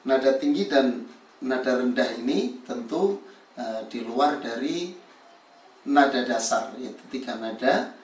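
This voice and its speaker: A man teaching Quran recitation melody, explaining pitch steps slowly and then demonstrating them in a sung melody. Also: expressive, roomy sound, distant mic. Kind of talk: slow spoken lesson with sung recitation examples.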